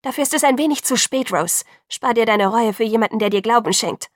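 A woman reading an audiobook, voicing a sharp-tongued, fierce young woman with cutting, clipped lines. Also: a little high, brisk, dry recording, studio quality, voice pushed up. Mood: angry.

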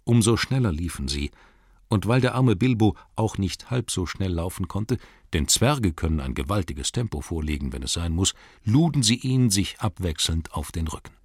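A man narrating a storybook in a measured, dramatic reading, slowing down for emphasis. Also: low-pitched, very animated, a little mellow, husky, no echo, clean studio sound. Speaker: audiobook narrator.

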